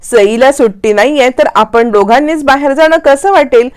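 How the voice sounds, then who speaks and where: A woman voicing a calm, cautious young wife who speaks in a measured, direct way. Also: high voice, clean tone, pitched above the performer's own voice, close to an everyday voice. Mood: wary.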